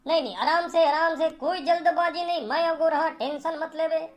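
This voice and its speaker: Over background music, a woman voices a cheeky male village friend in a cartoon comedy, using a Chhattisgarhi accent and bantering nonstop, often calling out "arre yaar." Her voice is very high-pitched, fairly even in intonation, at a moderate pace.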